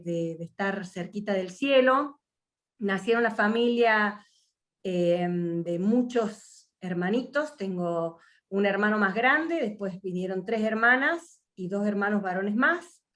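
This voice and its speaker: A woman's voice: mid-range voice, a bit bright. An Argentine woman from Mendoza leading an online workshop over a video call, speaking reflectively with frequent fillers and restarts. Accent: Argentine Spanish. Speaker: workshop facilitator.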